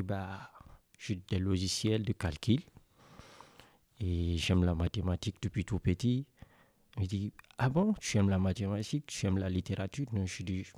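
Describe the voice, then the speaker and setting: A man's voice: on the low side, mellow, no room sound, studio quality. A young man from West Africa telling a personal story in a casual, conversational way, acting out the dialogue.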